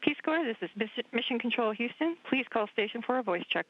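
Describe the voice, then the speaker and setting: A woman as a mission control radio operator, making crisp, formal calls over a space radio link. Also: fairly high pitch, expressive, fairly quick, highs cut off. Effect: space radio transmission.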